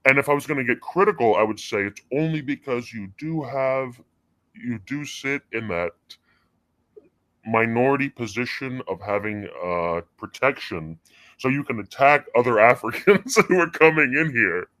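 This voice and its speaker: A male caller talks through a voice changer that drags his voice down into a deep, artificial register, and the sound is dry and close. He is in his forties and rambles in halting bursts full of fillers and casual swearing. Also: expressive, fairly bright tone, dry recording. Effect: deep pitch-shifted voice changer. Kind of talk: casual call-in chat.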